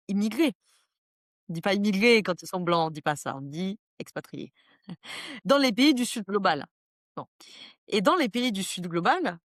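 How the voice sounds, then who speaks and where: A woman's voice: medium pitch, dry recording, studio quality. A woman guest in a casual interview who talks in long, winding sentences and mixes academic terms with crude slang. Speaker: podcast guest.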